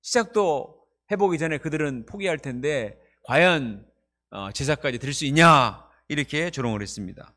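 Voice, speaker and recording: Male pastor, sermon, emphatic, rhetorical questions, high animated voice. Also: moderate pace.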